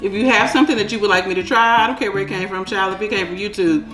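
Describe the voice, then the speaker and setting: A woman's voice: mid-range voice, fairly even intonation, very fast, fairly bright tone, roomy sound, faint music behind, rough recording. A woman hosting a casual cooking vlog, chatty and calling her viewers y'all and child. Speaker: cooking channel host. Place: home kitchen.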